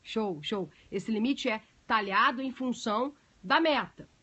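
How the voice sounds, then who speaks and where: A woman's voice: fairly high pitch, a little slow, pushed and bright, breathy edge, lo-fi sound. A woman teaching a class on a live stream, explaining at length and chatting with viewers between points, with many fillers. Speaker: teacher of budget law. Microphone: phone.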